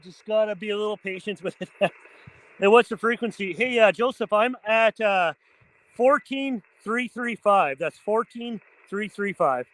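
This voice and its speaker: A man hosts a chatty, informal amateur radio vlog, addressing viewers as guys and alternating casual remarks with phonetic callsign calls. His voice is high-pitched, a bit bright and a little slow, and the recording is low quality.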